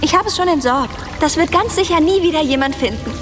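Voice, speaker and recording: An earnest teenage girl patiently explaining things to her little sister. Her voice is high and clear, with music playing behind it. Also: fast talker, fairly bright tone. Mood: reassuring. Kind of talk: German cartoon dub.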